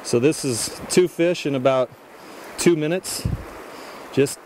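A man narrating a fly fishing lesson in a calm, explanatory manner. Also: fairly high pitch, slow pace, slight background noise. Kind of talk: instructional voice-over narration.

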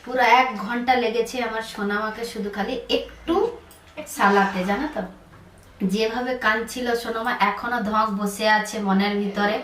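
A woman's voice: fairly high pitch, steady tone, normal speed. A woman vlogging at home in a small kitchen, soothing and comforting in a tearful voice that breaks at times, recorded on a handheld phone. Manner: soothing, repeatedly comforting and pleading. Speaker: vlogger and mother. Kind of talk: daily home vlog. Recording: echoey room with loud background noise.

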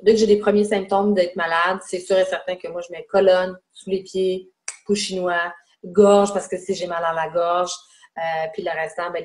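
Her voice is on the low side with a darkish tone as she, a Québécois-accented woman in her forties, leads a relaxed webinar lesson from a room at home. She chats while pointing to spots on herself, heard through a webcam mic on a video call.

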